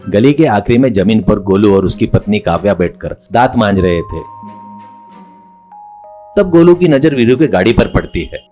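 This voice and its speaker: A man narrating a comic moral story in a steady, plain storytelling manner. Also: lowish voice, normal speed. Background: faint music.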